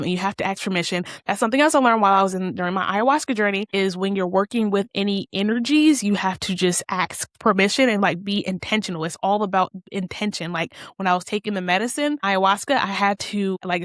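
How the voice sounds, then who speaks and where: A young woman talks casually as a host, her thoughts loose and rambling, full of fillers and self-corrections. Her voice sits at an ordinary middle pitch. The recording is dry and close, with no room sound. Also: a bit bright, no echo. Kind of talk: casual spiritual talk.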